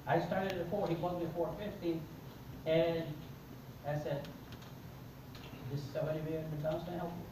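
This is a middle-aged man with a Mexican accent and a somewhat high voice, a native Spanish speaker working as a motivational speaker. He animatedly tells a personal story to a seated conference-room audience, acting out dialogue, heard from far back via an audience camera in an echoey, noisy room.

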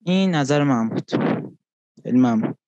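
A man playing an online party game, arguing his defense in an animated way. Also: no echo, highs cut off. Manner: animated, rising pitch when arguing. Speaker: game player.

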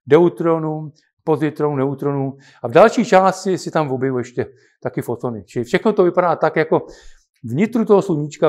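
An older man giving an informal physics lecture in a halting, conversational way, with frequent restarts. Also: on the high side, darkish tone.

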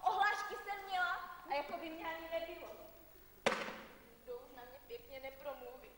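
A woman's voice: extremely high pitch, animated. A young woman acting a stubborn, desperate village girl pushed toward marriage, pleading and declaiming on stage. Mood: despairing. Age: young adult. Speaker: stage actor. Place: theatre stage. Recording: echoey theatre hall, distant mic, faint noise.

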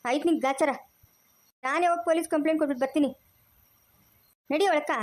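A woman acting as an older village mother, fretful and sharp-tongued. She rattles her lines off quickly in a high voice, and she talks like a home-made family drama. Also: fairly even intonation, close to an everyday voice. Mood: scolding. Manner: scolding, fast and sharp-tongued.

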